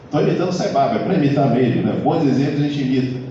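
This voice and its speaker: A man's voice: mid-range voice, rapid-fire, mellow, slight background noise. A man giving a live lecture to an audience, talking conversationally and often adding tag questions. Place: lecture hall of a community center. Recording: echoey hall recorded from far off, dull sound.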